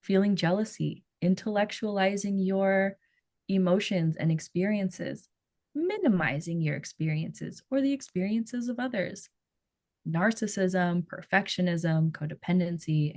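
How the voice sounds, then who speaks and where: A woman therapist with a Filipino accent, talking through ideas in a thoughtful, gentle way on a casual podcast and searching for her words. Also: fairly low pitch, no echo, studio quality.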